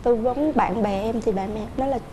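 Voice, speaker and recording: Southern Vietnamese woman, talk show guest, mellow earnest storytelling, a bit high, faint background noise. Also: brisk. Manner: earnest, telling a family story at length. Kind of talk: casual chat.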